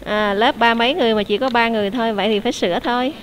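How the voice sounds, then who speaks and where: A woman's voice: a little high, fairly even intonation, rapid-fire, crowd noise. A woman teacher, leading an online English class, explaining answers patiently and quizzing her students.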